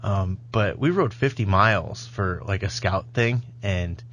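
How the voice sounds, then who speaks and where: A man's voice: deep voice, unhurried, a bit bright, a little hiss or hum. A man hosting a podcast, rambling and joking at his own expense. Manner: jokey, self-mocking, rambling. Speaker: podcast host. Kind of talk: casual podcast chat. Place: studio.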